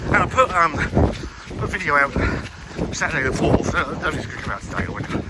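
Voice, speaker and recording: Middle-aged man, higher-pitched voice, rambling sweary vlog chat delivered while running, very loud outdoor wind noise. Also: sing-song, quick pace. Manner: talking while out running, in broken phrases; sweary, self-deprecating. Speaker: running vlogger. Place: outdoors along roads in the rain.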